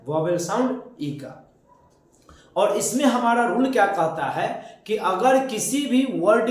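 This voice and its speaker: A man teaching a lesson, drilling his students by asking questions and answering them himself. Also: sits high. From India. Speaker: English teacher. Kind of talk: classroom-style lesson. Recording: very echoey room.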